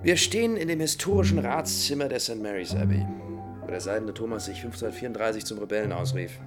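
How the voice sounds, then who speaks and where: Actor as a boisterous hearty man, radio drama, lively pitch, music in the background. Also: fast talker, close to an everyday voice. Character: hearty talkative Dublin man with a cold.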